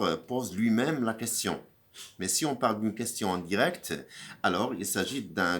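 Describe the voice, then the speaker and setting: A man's voice: fairly low pitch, a bit bright, a little hiss or hum. A male teacher giving a recorded video grammar lesson, hesitant with many fillers and restarts, lifting his voice on the example questions. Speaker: French teacher.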